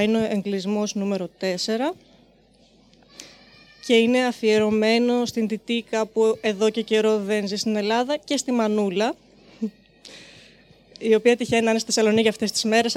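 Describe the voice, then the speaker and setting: A woman reading poems and short prose aloud at a live literary event, with brief spoken introductions between pieces and a measured, rhythmic recitation. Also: a little high, fairly even intonation, darkish tone.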